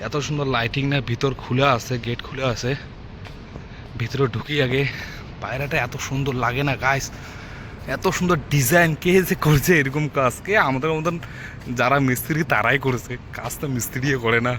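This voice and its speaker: A man's voice: mid-range voice, a little fast. A man from India vlogging casually as he walks around, chatting to his viewers with lots of filler words. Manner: chatty, addresses viewers as guys, many fillers. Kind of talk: casual walking vlog. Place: outdoors in a city, then inside a large mosque. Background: traffic and city ambience.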